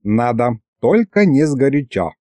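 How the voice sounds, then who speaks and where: A man voicing a gruff, fussy old grandfather in an audiobook, with folksy grumbling that turns to yelling. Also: medium pitch, sing-song, unhurried, no echo. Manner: folksy grumbling, yells when angry. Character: gruff old male house spirit, fussy and hot-tempered.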